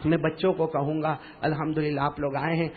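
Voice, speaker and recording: A man's voice: on the high side, level tone, phone-quality sound. A male preacher giving a storytelling sermon to children, repeatedly calling on the audience to repeat after him. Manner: call-and-response, urges audience to repeat. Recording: echoey hall with faint music.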